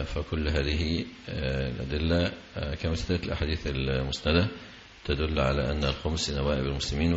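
Very deep-voiced man teaching slowly. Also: a little hiss or hum. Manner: slow and measured, with frequent drawn-out "aah" pauses. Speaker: Islamic scholar teaching hadith commentary. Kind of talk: religious lesson reading and explaining a text. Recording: echoey, dull lecture recording.

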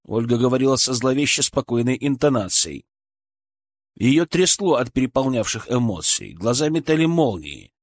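A man narrating an audiobook calmly and evenly. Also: mid-range voice, moderate pace, no room sound, clean studio sound. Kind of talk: scripted narration.

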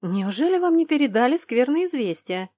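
A woman's voice: mid-range voice, very animated, moderate pace, darkish tone, no echo. A woman voicing a cheeky young noblewoman who talks in a sweetly mocking, sighing way.

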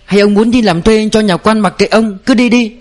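A man's voice: a little fast, lightly acted. A man voicing a distraught, defiant peasant mother who wails and pleads in a raised voice. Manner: wailing, high-pitched pleading.

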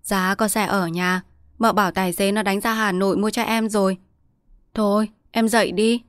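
A woman's voice: medium pitch, steady tone, normal speed, clean tone, no room sound, clean studio sound, close to an everyday voice. A woman storyteller voicing a district chief's wife, an indulgent mother who coaxes her child and bosses her servants. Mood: coaxing. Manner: coaxing, bossy to servants.

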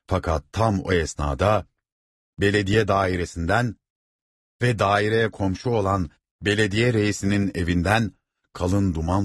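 Deep, husky male audiobook narrator. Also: no room sound, clean studio sound. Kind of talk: audiobook reading of a novel.

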